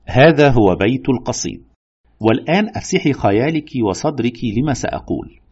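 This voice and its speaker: A shrewd doctor, played by a man, takes apart a ghost story with calm logic. His voice is husky and moves quickly, and his pitch rises and falls as he works through each point. The audio sounds a little muffled and lo-fi. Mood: analytical. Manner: measured, reasoning, lively. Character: calm, shrewd male doctor investigating a haunting. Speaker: doctor listening to a patient's story. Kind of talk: audio horror drama.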